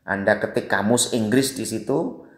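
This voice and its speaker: A man with an Indonesian accent teaching English, explaining patiently and repeating example phrases slowly. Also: lowish voice, roomy sound. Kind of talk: explanatory lesson.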